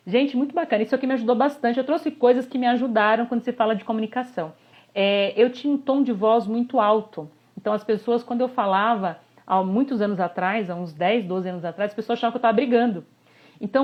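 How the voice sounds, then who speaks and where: A woman, a communication coach giving a live online workshop, animated and constantly checking in with her listeners. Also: a little high. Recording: slightly dull lo-fi audio.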